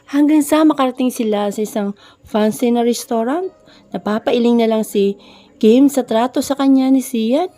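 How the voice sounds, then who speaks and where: A woman narrates a romance story, switching between Filipino and English. Her voice sits a bit high but sounds mellow rather than bright. She reads each character's lines in a fairly even tone. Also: normal speed. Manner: voices all characters herself in a mostly even reading tone.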